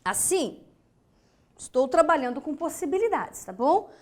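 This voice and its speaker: A Brazilian woman teaches an online grammar class at an unhurried pace. Her voice sits high, and she breaks words into syllables with clear emphasis. She keeps asking the students rhetorical questions. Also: animated. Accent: Brazilian Portuguese.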